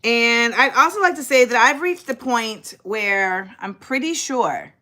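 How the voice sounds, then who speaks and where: This livestream host, a woman in her forties, has a voice on the high side and talks a little slowly. In her casual stream she's chatty, sassy and animated, speaking right to viewers as she reads and replies to their comments.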